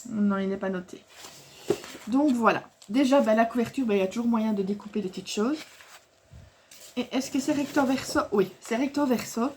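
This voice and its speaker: A woman chats casually to camera about her craft supplies in a slightly high voice. She rambles and loses her thread, fills gaps with hesitations and laughs often. A faint hiss sits behind her voice. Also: normal speed, a little mellow. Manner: rambling and chatty, with many fillers and restarts; laughs often while talking. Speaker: scrapbooking vlogger showing a craft haul.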